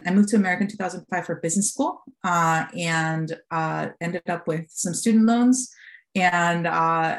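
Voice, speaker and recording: Speaking in a gravelly voice on the low side, this podcast guest is a fund founder in her forties from Costa Rica. She recounts her story candidly, with plenty of fillers.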